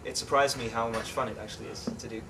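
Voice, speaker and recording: A young man chats easily as an interview guest, with plenty of fillers and restarts. He sits some way from the mic. Steady background noise runs under his voice. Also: medium pitch, quick pace, vocal fry, distant mic. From England, raised in the Netherlands. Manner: relaxed, chatty, many fillers and restarts. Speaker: interview guest, English teacher. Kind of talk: casual interview chat.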